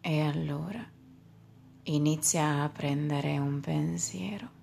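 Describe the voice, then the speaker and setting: A woman guides a meditation at an unhurried crawl, her voice low-pitched and heavy with vocal fry. She speaks softly and often slips into a whisper, over a faint hiss behind her. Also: steady tone. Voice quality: slow, soft, drifting into whispers.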